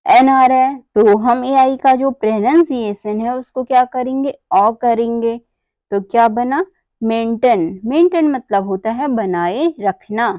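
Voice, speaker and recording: A woman's voice: fairly high pitch, measured pace, warm tone, no echo, highs cut off. A woman teaches English pronunciation rules, spelling words out letter by letter and asking and answering her own questions. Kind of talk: slow spelling-out lesson.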